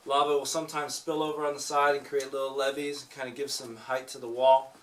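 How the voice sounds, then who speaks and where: A man's voice: medium pitch, little pitch movement, brisk. A man guiding a tour inside a cave, explaining things informally and putting questions to the group as his voice echoes. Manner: echoing cave guide, informal teacherly explaining; jokey asides. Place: inside a lava tube cave. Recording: echoey cave, distant mic, faint noise.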